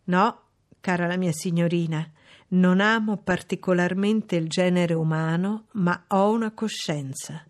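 A woman reading an audiobook, voicing a brusque, mocking middle-aged gentleman who teases and commands. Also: lowish voice, unhurried, close to an everyday voice. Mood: sardonic teasing. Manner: sardonic, teasing, commanding.

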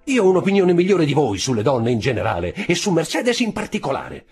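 A man's voice: mid-range voice, sing-song, moderate pace, darkish tone, soft background music, voice pushed up, close to an everyday voice. A man reading an audiobook, voicing an earnest, hopeful young sailor who speaks eagerly and respectfully.

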